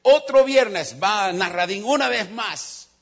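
A man preaches, telling stories with lively character voices. His voice is high and husky. The recording sounds dull and lo-fi. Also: takes it slowly. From United States. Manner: animated storyteller, changes voice for characters. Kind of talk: sermon with storytelling.

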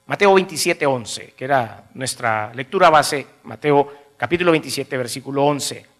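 A man preaching a sermon in an animated way, asking his congregation questions and chuckling between phrases. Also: mid-range voice, normal speed.

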